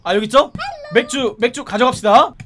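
A man streaming a driving game live, talking to his viewers and breaking into excited, repeated shouts. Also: very high-pitched, brisk, soft background music.

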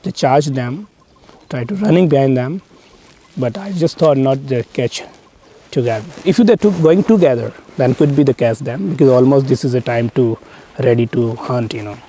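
A man with a medium-pitched, warm voice speaks at a moderate pace on a low-quality recording. He is a safari guide from North India whose native language is Hindi, talking informally to tourists in irregular non-native English and repeatedly adding "you know." He is outdoors in an open safari vehicle, picked up by a camera a short distance away, with faint outdoor noise and clicks.

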